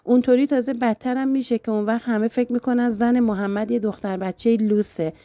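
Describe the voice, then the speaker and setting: Female narrator voicing loving husband; teasing, firm, warm-spirited, dry close recording. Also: on the high side, steady tone, dry recording, voice pushed up, lightly acted. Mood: gentle, teasing. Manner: gentle but firm, playful. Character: affectionate teasing young husband.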